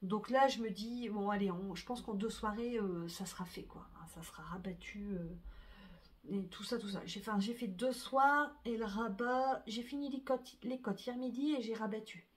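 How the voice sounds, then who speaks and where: A woman's voice: medium pitch, normal speed. A middle-aged woman, chatting casually about her sewing and knitting projects, full of fillers and restarts. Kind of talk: casual chat to camera.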